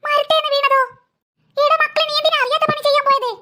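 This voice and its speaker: A woman's voice: very high voice, level tone, fast, pushed and bright. A woman voicing a fretful cartoon mother who fusses over and scolds her daughter. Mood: worried. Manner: fussing, scolding.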